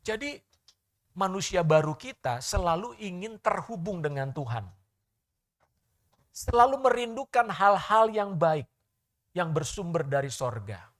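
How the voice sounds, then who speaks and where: Male pastor, lively sermon delivery with sharp swings in volume, questions his congregation. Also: high-pitched, a little slow, long pauses. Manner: animated preaching with sudden loud and soft swings.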